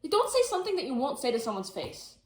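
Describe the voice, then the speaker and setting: A woman's voice: high-pitched, sing-song, quick pace, darkish tone. A young woman co-hosting a casual podcast, chatty and full of fillers, retelling stories with animation. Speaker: podcast co-host. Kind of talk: casual chat. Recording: echoey room.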